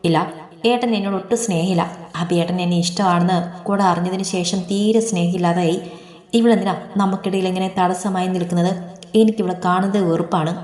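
A woman's voice: lowish voice, steady tone, a little fast, a little mellow, close to an everyday voice. A woman voicing a spiteful, jealous young woman who sneers at her rival, in a story reading. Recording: echoey reverberant room.

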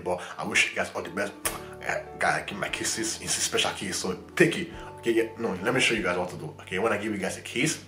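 A young man talks to his viewers in a rambling, playful, affectionate way, repeating the same phrases as he goes. His voice sits fairly low. The room around him rings with a noticeable echo. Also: bright, forceful tone. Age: young adult. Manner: rambling, repeats "you know what I'm saying", playful and affectionate. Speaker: vlogger. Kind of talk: casual vlog chat. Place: bedroom during lockdown.

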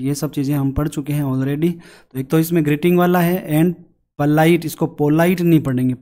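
Male teacher walking through a worksheet as a voice-over, asking questions and answering them himself, dark mellow voice. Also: fairly high pitch. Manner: explains step by step, asks and answers own questions; slowly sings a children's rhyme line by line. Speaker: English teacher. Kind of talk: online worksheet lesson.

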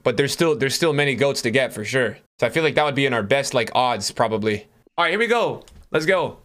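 A man's voice: mid-range voice, lively intonation, a little fast, fairly bright tone. A young man, chatting casually on a game livestream in frat-bro slang, full of bro, dude and man. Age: young adult. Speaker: game streamer. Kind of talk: casual livestream chat while opening game packs. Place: small room indoors.

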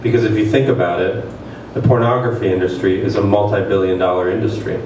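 A fairly low-pitched man in his thirties reads satirical fiction with drama at a literary event, his tone steady and darkish, his delivery fast. He performs on the stage of a small event room in front of an audience, with a table mic on a stand. Expect a very echoey, noisy recording from a distant microphone.

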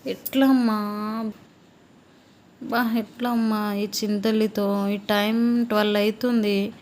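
A woman's voice: medium pitch, fairly even intonation, slow, darkish tone, a little hiss or hum. A young mother, playfully coaxing and teasing her toddler at home at night in sing-song baby talk.

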